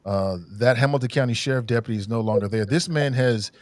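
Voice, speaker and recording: A man's voice: medium pitch, quick pace, no echo. Male podcast host on livestream headset audio, dry and close, a bit under the weather, rambling and outspoken. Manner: rambling, repeats words, frank opinions. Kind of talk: casual livestream commentary.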